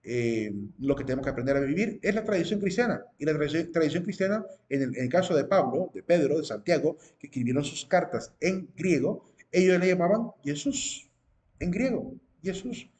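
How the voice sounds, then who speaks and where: A man's voice: fairly high pitch, expressive, brisk, hardly any pauses, darkish tone, slight background noise. A man giving an informal religious teaching to viewers, explaining step by step with frequent fillers and tag questions.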